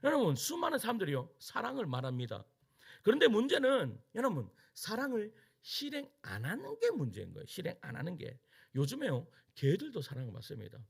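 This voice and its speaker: A middle-aged man preaching in a Gyeongsang Korean accent, his voice gravelly and a little husky. His pitch leaps widely as he tells stories and acts out quotes. He sits a bit high for a man. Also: a little fast. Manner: animated storytelling with acted-out quotes and frequent laughter. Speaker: pastor. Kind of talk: sermon. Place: church sanctuary.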